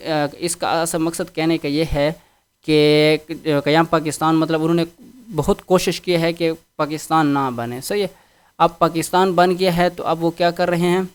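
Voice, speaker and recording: A man's voice: a little high, smooth. A man teaching English, going through a text line by line and patiently repeating each meaning.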